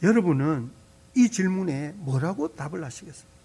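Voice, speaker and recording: A male pastor delivers a sermon in a church sanctuary, his voice gravelly and husky. He keeps putting questions to his listeners and repeats his points with animated emphasis. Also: a little high, normal speed.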